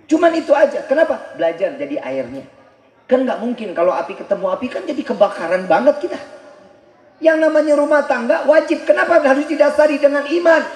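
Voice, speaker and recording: High-voiced joking preacher. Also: male voice, animated, brisk. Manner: joking, asks the crowd rhetorical questions; bursts into shouts for emphasis. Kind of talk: humorous sermon. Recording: echoey live venue.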